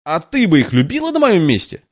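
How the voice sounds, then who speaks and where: A man voicing a touchy, indignant little female mouse with a shrill, squeaky voice in a storybook reading. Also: huge pitch swings, fairly quick.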